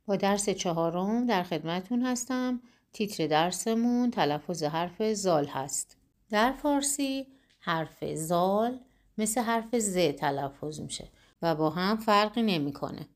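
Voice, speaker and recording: A woman teaching Quran recitation in a step-by-step spoken lesson. She explains clearly and patiently, and she drills syllables slowly. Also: medium pitch, animated.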